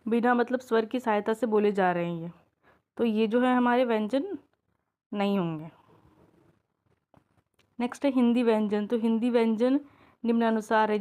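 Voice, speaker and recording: A woman teaching an exam-prep grammar lesson, explaining step by step, checking in with her students and drawing out each example sound slowly. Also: fairly high pitch, darkish tone. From India.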